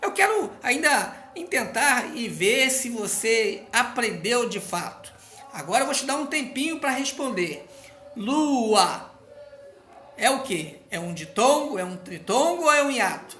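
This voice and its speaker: A man's voice: extremely high pitch, big pitch swings, moderate pace, pushed and bright. A man teaching a grammar lesson, patient and checking in often with the learner. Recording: roomy echo.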